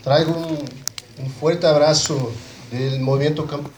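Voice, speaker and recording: A man with a Brazilian Portuguese accent and native Portuguese gives a conference presentation in a halting mix of Spanish and Portuguese, repeating and rebuilding his words. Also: fairly high pitch, fairly even intonation. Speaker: conference speaker for an agroecology movement. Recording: roomy echo, faint background noise.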